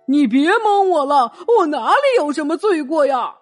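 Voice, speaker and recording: A woman's voice: sits high, lively intonation, slow, darkish tone, soft background music, full character voice. A woman voicing a withdrawn ancient male scholar in a children's story, speaking through sobs. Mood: startled. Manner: sobbing, wailing.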